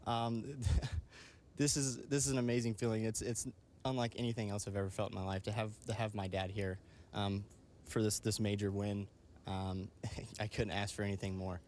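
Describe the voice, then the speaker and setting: Man, athlete interview, halting and modest, lowish voice, faint background noise. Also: level tone, darkish tone. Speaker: champion athlete being interviewed. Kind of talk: live interview.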